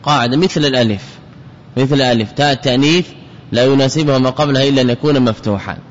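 A scholar teaches classical Arabic grammar, repeating key words and putting questions to his students. His mid-range voice comes out rapid-fire. The recording is dull and lo-fi with a long hall reverb.

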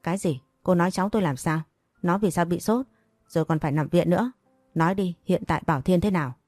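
A woman's voice: on the low side, fast talker, darkish tone, dry recording, faint music behind, lightly acted. A woman voicing a stern older grandmother who scolds sharply. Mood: alarmed.

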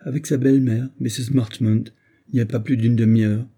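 A man's voice: medium pitch, fairly even intonation, brisk, dark tone, husky. A man reading an audiobook, voicing a frightened, deferential housekeeper woman. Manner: timid, deferential.

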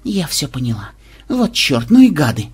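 A man's voice: on the high side, wildly swooping pitch, slightly rough, full character voice. Man putting on a grumbling young space officer woman. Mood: alarmed. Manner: grumbling, quick to alarm. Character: anxious, sharp-tongued young woman, ship's officer.

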